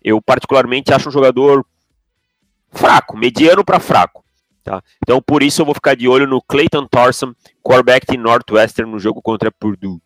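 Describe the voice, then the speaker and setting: A man's voice: medium pitch, normal speed, no room sound, faint music behind. A man co-hosting a sports podcast, giving blunt, opinionated takes and dry jokes. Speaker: podcast co-host. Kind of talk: casual sports podcast analysis.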